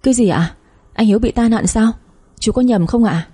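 A woman voicing a frantic, tearful teenage daughter, pleading in a high, breathless voice, in a storybook reading. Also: normal speed, mellow, breathy edge. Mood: alarmed.

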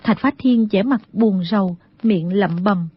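A woman narrating an audiobook in a steady storytelling manner. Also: medium pitch, a little slow, slightly rough. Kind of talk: scripted narration. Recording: dull lo-fi audio.

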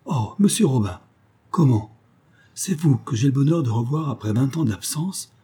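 A man reading the part of a weathered older boatman and former convict, low-voiced, humble and eager to serve. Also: animated, moderate pace, warm tone, husky. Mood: earnest.

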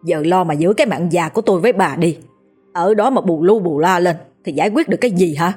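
A woman doing a gruff, bullying old patriarch. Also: on the low side, moderate pace, a little mellow, faint music behind, natural voice. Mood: angry. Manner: harsh barking orders. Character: domineering old patriarch, frightened yet quick-tempered.

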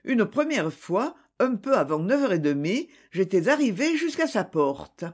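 A reader voicing Édith, a reserved young woman who answers questions in a hesitant, measured way. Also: medium pitch, very animated. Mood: guarded.

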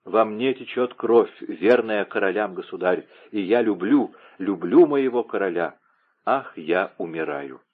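Мужчина-чтец озвучивает отчаявшуюся молодую влюблённую девушку, страстно умоляющую. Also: male voice, lowish voice, unhurried, breathy edge. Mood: pleading. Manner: impassioned, pleading. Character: young woman, distraught, pleading lover. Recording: narrow phone-like lo-fi sound.

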